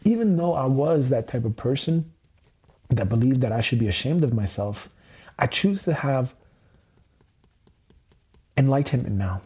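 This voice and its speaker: A man in his thirties runs an EFT tapping livestream, repeating earnest self-affirmations laced with plenty of swearing. His medium-pitched voice is expressive, dark and a bit breathy. He speaks a little slowly and pauses often.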